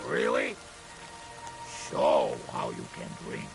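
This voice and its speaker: An actor playing a gruff, superstitious male woodcutter in a video game, speaking, broken grammar and a teasing, earnest manner. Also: rumbling low, wildly swooping pitch, very slow, soft background music, heavily acted.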